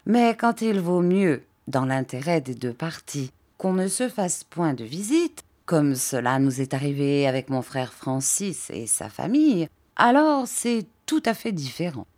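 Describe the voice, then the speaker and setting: A prim, ceremonious old spinster, read by a woman narrator lays out her terms with stiff precision. Her voice sits a little lower than usual, measured and slow on key words. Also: very animated, darkish tone. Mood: prim formal. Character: prim, formal older spinster lady, precise.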